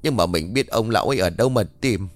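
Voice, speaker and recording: A man's voice: lowish voice, expressive, quick pace, dry recording, lightly acted. A man voicing an older mother who frets and questions her son in a story. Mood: fretful. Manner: fretful, questioning. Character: older woman, worried anxious mother.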